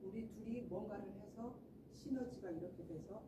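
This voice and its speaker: A pastor's wife preaches a sermon to a congregation, asking her listeners questions and acting out small everyday scenes. Her voice is medium-pitched at a normal speed. The mic is distant, with roomy echo and a noisy background.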